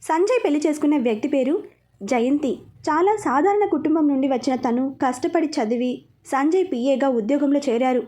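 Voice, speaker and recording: A woman telling a love story in the first person, in a gentle, even storytelling manner. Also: high-pitched, a little fast.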